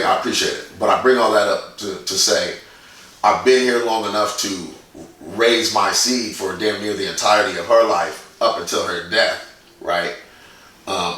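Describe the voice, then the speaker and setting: A man's voice: lowish voice, moderate pace, a bit bright, heavy reverb, distant mic, rough recording. A man in his forties from Indiana, a guest in a casual interview, who tells stories bluntly and swears freely. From Indiana, USA. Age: 40s. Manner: blunt, profane, storytelling. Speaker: guest, graffiti artist.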